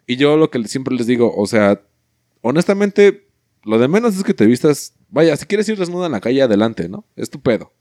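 A man's voice: medium pitch, big pitch swings, normal speed, dark tone, no echo, clean studio sound. A young man with a Mexican Spanish accent, telling crude, slang-filled stories in a casual chat and swearing constantly.

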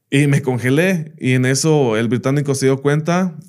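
A man with a mid-range, somewhat dark voice recounts anecdotes at a measured pace during a casual podcast interview. He's a teacher whose first language is English, and he keeps saying "bla, bla" and "¿me entiendes?"

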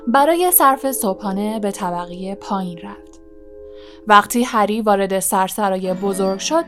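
Audiobook narrator: woman, measured delivery, drops to near-whispers in tense passages. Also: medium pitch. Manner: measured, often dropping to a hush. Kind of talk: scripted storybook narration.

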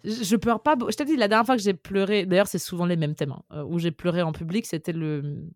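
A woman's voice: fairly low pitch, fast, no room sound, studio quality. A woman co-hosting a casual book podcast, talking animatedly with lots of fillers and restarts. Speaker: podcast co-host. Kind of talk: casual chat about books.

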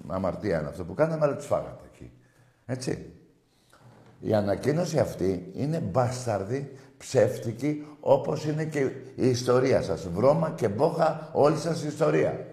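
A man in a profane, mocking rant at a rival football club's fans, swinging between loud shouts and low jeers. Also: vocal fry. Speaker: football fan ranting. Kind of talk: profane monologue. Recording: roomy echo.

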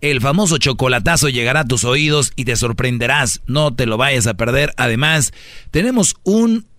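A man's voice: medium pitch, normal speed, bright, forceful tone, no echo. A man co-hosting a comedy radio show, announcing segments and chatting with the others. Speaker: radio co-host.

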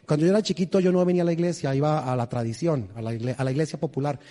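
A male pastor tells stories from the pulpit with humor and lively energy, tossing questions out to his congregation. His voice sits a bit high for a man. The sound carries a long, reverberant tail from a large church hall. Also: very fast. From Colombia. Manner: animated, humorous, quizzes the congregation. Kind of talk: storytelling sermon.

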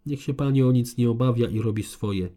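A man's voice: mid-range voice, brisk, mellow, natural voice. A man reading an audiobook, voicing a curt, sarcastic male landowner who speaks drily. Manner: dry and curt.

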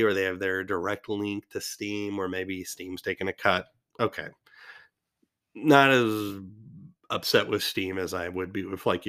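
A man's voice: fairly low pitch, a bit bright. A man in his fifties hosting a casual podcast, talking in an enthusiastic, rambling way with lots of fillers. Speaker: podcast host. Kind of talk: casual monologue.

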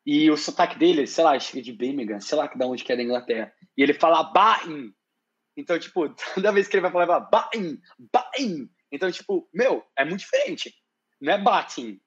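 A man's voice: fairly high pitch, very fast, muffled recording. A man, chatting casually as an interview guest and rambling with many restarts and slang fillers. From Brazil. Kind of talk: casual live-stream chat.

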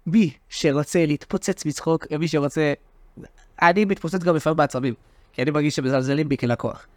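A man co-hosting a casual sports podcast, animated and teasing, telling stories with big swings in his voice. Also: dry recording. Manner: animated, teasing, tells stories with shifts in pitch. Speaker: podcast co-host.

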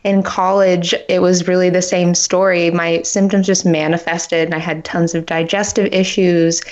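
A woman's voice: lowish voice, level tone, moderate pace, darkish tone. A young woman in her twenties, a podcast co-host, telling her story in an upbeat way, with a slightly sleepy morning voice. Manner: upbeat, laughs easily, open about her past. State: early-morning voice. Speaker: podcast co-host, nutritional therapy practitioner. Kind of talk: casual interview storytelling. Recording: dull lo-fi call audio.

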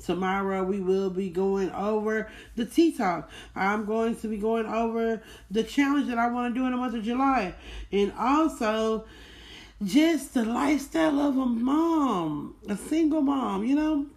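A woman with a fairly high voice and a darkish tone hosts a casual book club podcast, recapping a book at an unhurried pace. Her manner is folksy and emphatic: she calls listeners "y'all" and repeats key words for stress.

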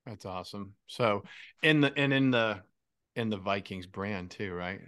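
Upbeat male host, bright clear voice. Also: lowish voice, a little slow. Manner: upbeat, affirming interjections. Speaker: podcast host. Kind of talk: conversational interview.

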